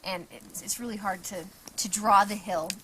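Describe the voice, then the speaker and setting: Relaxed woman in a casual camping vlog, mid pitch, outdoors with faint ambient noise. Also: moderate pace, rough recording. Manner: relaxed, hesitant with fillers. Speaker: host's wife. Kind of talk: casual storytelling. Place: winter campsite outdoors.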